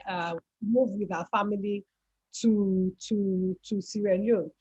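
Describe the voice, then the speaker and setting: Her voice is medium-pitched, husky, and darkish in tone. Appearing as a guest on an online talk, this Nigerian-accented woman recounts her family's history thoughtfully, frequently repeating words as she hunts for them, and the call audio is dull and lo-fi.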